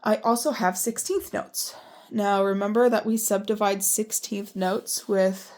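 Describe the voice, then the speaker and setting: At a measured pace and medium pitch, a congested woman music teacher counts beats aloud in steady, even syllables while explaining rhythm reading. Between counts she turns chatty and self-deprecating.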